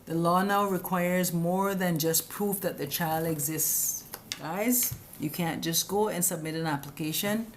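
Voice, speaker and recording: A woman hosts a live stream, answering comments in a casual explainer on immigration rules, direct, chatty, and scolding, calling viewers guys. Her voice is on the low side and a little slow. Picked up by a webcam or phone, the audio carries a little hiss or hum.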